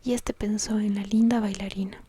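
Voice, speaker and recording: A woman reads a story aloud as whispered ASMR, in a soft, breathy whisper very close to the ear, slow and gentle. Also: mid-range voice, steady tone. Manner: slow, gentle, hushed reading. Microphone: very close to the mic, whispering into the ear.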